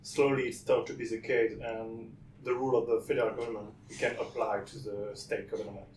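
A man's voice: mid-range voice, little pitch movement, brisk, a little mellow, a little hiss or hum. A man in the audience offering a factual correction in clipped, slightly non-native phrasing. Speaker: audience member. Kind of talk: correction from the floor. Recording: distant roomy pickup.

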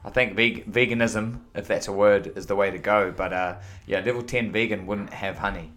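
A man's voice: fairly low pitch, steady tone, normal speed, fairly bright tone, slight background noise. A man with a broad New Zealand accent chatting casually as a podcast guest, laid-back, slangy and matey. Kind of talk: casual chat.

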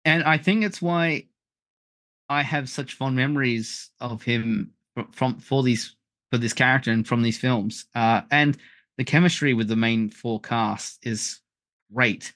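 Podcast co-host guy, bright forceful voice, dry close sound. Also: medium pitch, a little slow, no echo. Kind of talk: casual film discussion.

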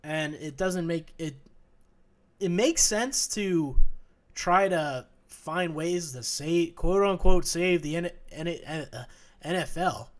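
Halting young man in casual sports chat. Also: on the high side. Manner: halting, many restarts and fillers. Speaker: podcast co-host.

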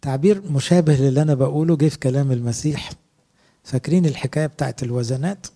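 A middle-aged man speaks with an Egyptian Arabic accent, his voice mellow, medium in pitch and quick. He is a priest delivering a sermon, earnest in tone and putting rhetorical questions to his listeners.

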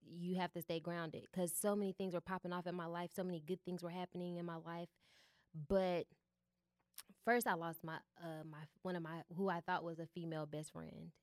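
A young woman, an artist and founder, chats as a guest in a casual studio interview. Her voice is lowish, her manner candid and relaxed with many fillers, and the recording is dry.

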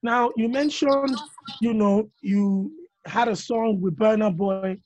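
A man hosting a podcast, asking measured, prompting interview questions. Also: high-pitched, a little mellow, dry recording, lo-fi sound. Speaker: podcast host.

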